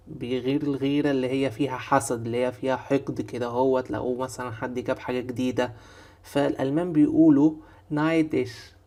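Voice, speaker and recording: A man with an Egyptian Arabic accent teaching a German vocabulary lesson, patiently repeating each word slowly. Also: mid-range voice, a little mellow. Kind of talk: online language lesson.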